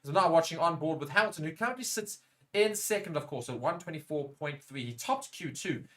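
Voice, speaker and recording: Male co-host for a live race watchalong, rapid delivery, slightly higher voice, briskly calls times. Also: lively intonation, a bit bright. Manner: brisk, reads out viewer chat comments. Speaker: co-host and F1 commentator.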